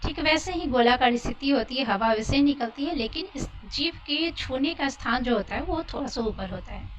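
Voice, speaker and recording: A woman's voice: sits high, far from the mic, low-quality recording. A woman teaching a Hindi lesson, patiently demonstrating and repeating sounds. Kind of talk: explanatory lesson.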